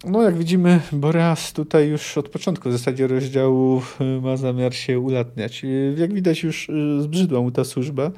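Male podcast host, dark mellow voice, mid-pitched, reads aloud then rambles thoughtfully. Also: steady tone. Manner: thinks aloud, discursive and unhurried. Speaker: podcast host reading and discussing a novel. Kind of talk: reads book passages aloud, then comments casually.

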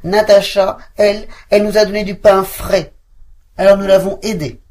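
A woman's voice: mid-range voice, level tone, normal speed, darkish tone, voice pushed up, natural voice. Woman doing resentful barking guard dogs. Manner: barking reproach.

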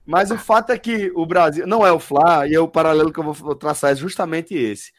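A Brazilian man hosting a casual football chat, pausing often with fillers. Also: on the high side, no room sound. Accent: Brazilian Portuguese. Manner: hesitant, fills with "é". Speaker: show host.

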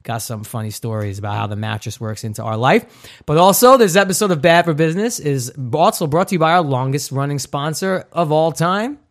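A man's voice: on the high side, a little fast. A man in his thirties hosting a podcast, chatting casually and joking through upbeat ad reads. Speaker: podcast host.

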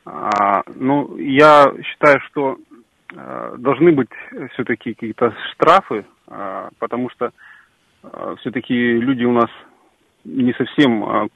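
A man's voice: mid-range voice, slow, creaky, no room sound. A man calling in to a radio show over the phone, giving his opinion hesitantly with many fillers and restarts. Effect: heard over a phone line. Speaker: radio call-in listener. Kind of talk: casual call-in opinion. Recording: muffled phone line, dry.

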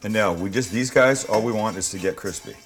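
With a fairly low pitch and a fairly quick pace, a man presents a dish to viewers as a cooking show host would, informal, talkative and opinionated. Clear background noise of kitchen clatter runs through the recording.

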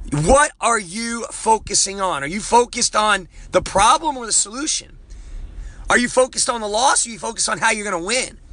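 A man's voice: high-pitched, bright, forceful tone, dry recording. A man hosting a motivational show, talking with energy and casual slang as he urges listeners on. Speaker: motivational coach and show host. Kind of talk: upbeat motivational talk. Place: in a vehicle.

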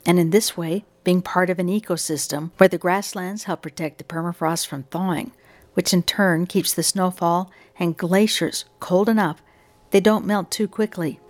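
An American woman hosting a radio science show, reading scripted narration and asking questions in a curious way. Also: on the low side.

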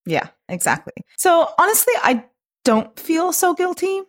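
A young adult woman co-hosting a podcast in casual chat, animated and quick to laugh, swearing casually. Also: very high voice. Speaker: podcast co-host.

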